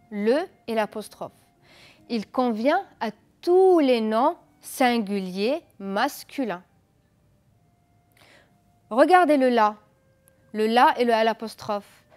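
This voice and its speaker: A woman's voice: a little high, a little mellow. A woman teacher giving a televised school lesson, explaining patiently, asking pupils questions and praising their answers. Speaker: French teacher.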